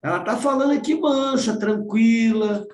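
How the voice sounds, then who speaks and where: A man acting out a calm wife who reads the letter and reasons with her husband. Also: extremely high pitch, moderate pace, echoey room.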